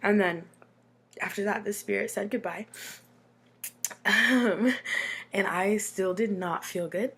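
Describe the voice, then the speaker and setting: A woman's voice: medium pitch, takes it slowly, long pauses, a bit bright, husky. An American woman with a runny nose from being sick, telling a personal story in a casual, chatty, informal way with dramatic asides. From Texas, United States.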